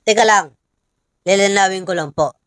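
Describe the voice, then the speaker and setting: With music playing behind her, a Filipino woman at medium pitch talks politics in an informal way, breaking often with pauses and forcefully asking her listeners rhetorical questions.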